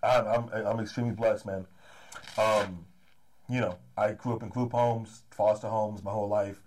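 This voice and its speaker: Guesting on a casual interview, an LA-area promoter of comedy and hip-hop, in his thirties, talks rapidly with lots of energy. He keeps adding "man" to what he says. His voice sits fairly low, and the recording is rough.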